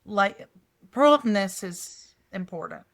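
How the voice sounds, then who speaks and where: Speaking from a hotel room, this older podcast co-host has an expressive, mid-range voice. Her casual storytelling is slow and meandering, with frequent restarts.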